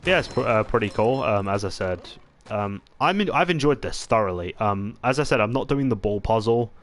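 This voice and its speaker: A man chatting casually as he commentates his gameplay, rambling with many pauses and restarts. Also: fairly low pitch, lively intonation, a little hiss or hum. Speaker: gaming channel host. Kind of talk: let's-play gameplay commentary.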